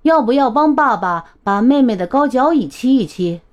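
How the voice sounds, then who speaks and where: Cheerful dad calling out, storybook, voiced by a woman, slightly high. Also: animated, normal speed, lightly acted. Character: cheerful father calling his son.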